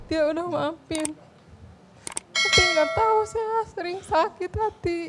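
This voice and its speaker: A woman's voice: extremely high pitch, measured pace, very noisy. A woman guest talking hesitantly about her troubles, often repeating herself and trailing off. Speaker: guest seeking help. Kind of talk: confessional chat.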